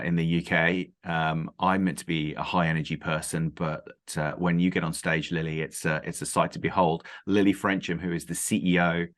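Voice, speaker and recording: A very low-voiced English man hosts a podcast interview. He chats along eagerly and leans on plenty of "um"s and "uh"s. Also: a bit bright. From Britain. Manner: chatty, filler-heavy, enthusiastic. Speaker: podcast host. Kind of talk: casual interview chat.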